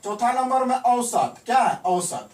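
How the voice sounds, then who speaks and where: A man's voice: very high voice, big pitch swings, a little slow, darkish tone, recorded from a distance. A man teaches math in a classroom, asking a question and then answering it himself, again and again. He says the key words twice. His voice echoes around the room and comes from some way off the mic. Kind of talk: classroom lesson.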